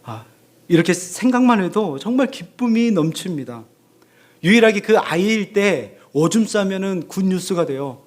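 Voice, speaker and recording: A man preaching a Sunday sermon in a church, animated, acting out the voices of parents he quotes. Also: sits high, moderate pace. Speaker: pastor. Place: church sanctuary.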